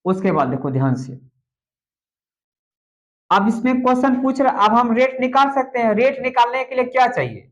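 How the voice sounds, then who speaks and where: A man's voice: very high voice, expressive, moderate pace, pauses often, dull audio. A man teaching a math lesson, repeating each step, asking questions as he goes and mixing in English terms. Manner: repetitive, checks in with rhetorical questions.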